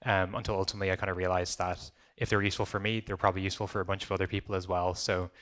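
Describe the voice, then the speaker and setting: A young Irish man speaks on a panel with a very low, flat voice that still carries a bright edge. He talks casually, dotting his sentences with ums. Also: rapid-fire. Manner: many "um"s, relaxed conversational. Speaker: company founder on a panel. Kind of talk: panel discussion.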